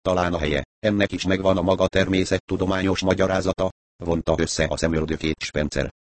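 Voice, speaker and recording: A man reading a story aloud as an audiobook narrator, in a steady, even storytelling delivery. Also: sits low, dry recording. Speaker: audiobook reader. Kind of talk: scripted narration.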